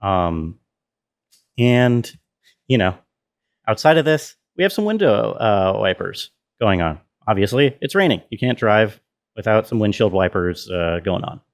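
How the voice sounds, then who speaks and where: Thinking out loud, a man working as a sound designer talks through a casual tutorial in an informal way. He speaks a little slowly in a lowish, sing-song voice.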